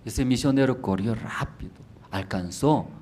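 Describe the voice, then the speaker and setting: A man's voice: medium pitch, measured pace, a little mellow, a little hiss or hum. A man pastor preaching a sermon in a church, telling a story in simple words and asking the congregation rhetorical questions.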